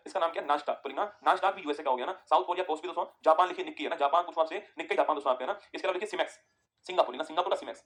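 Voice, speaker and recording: Male classroom teacher, rapid delivery, slightly high voice, repeats points and dictates notes. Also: a bit bright. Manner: repetitive, keeps checking in with students; dictates notes for students to write down. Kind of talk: exam-prep classroom lecture.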